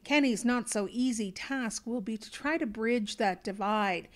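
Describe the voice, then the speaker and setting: A woman's voice: fairly high pitch, unhurried. A woman with a Canadian accent reading a scripted television news report.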